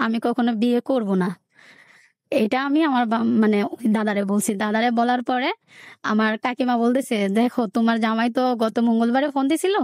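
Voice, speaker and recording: A young woman from Bangladesh tells her own life story on a radio call-in show, high in pitch for a woman. She talks in plain, colloquial words and quotes the people around her. The sound is close and dry, with no room around it. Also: no room sound. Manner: plain spoken, colloquial village speech, quoting relatives. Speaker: caller sharing a life story.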